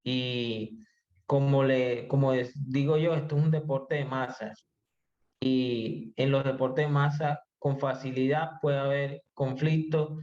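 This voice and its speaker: A man as an interview guest, explaining his views in a measured way, with frequent hesitations. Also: mid-range voice, steady tone, a little mellow. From Colombia. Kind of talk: conversational podcast interview. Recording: slightly muffled audio.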